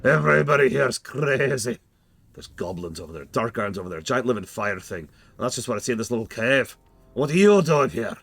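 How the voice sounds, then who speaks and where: A man's voice: medium pitch, sing-song, a little fast, gravelly, a bit bright, soft background music, pitched above the performer's own voice, full character voice. A man voicing a cranky old prospector from a fantasy game, with folksy talk. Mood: gruff, suspicious. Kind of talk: reading game quest text in character.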